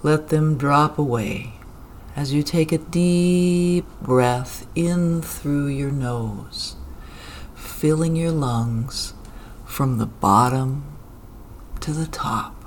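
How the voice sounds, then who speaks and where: Super slow gentle relaxation guide, drawn out words, ambient noise clearly under the voice. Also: mid-range voice. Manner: calm, gentle, drawn-out phrasing with long pauses. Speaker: meditation guide.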